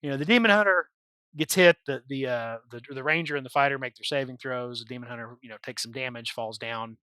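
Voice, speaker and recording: A man's voice: mid-range voice, quick pace, pushed and bright, clear, resonant tone, no room sound. A man acting as game master, recapping a tabletop game session in a rambling, conversational way.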